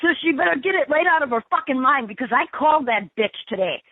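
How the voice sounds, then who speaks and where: A woman's voice: high-pitched, lively intonation, quick pace, no echo. A woman taking a call on a prison phone line, talking bluntly and angrily and swearing often. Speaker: inmate's sister on a call.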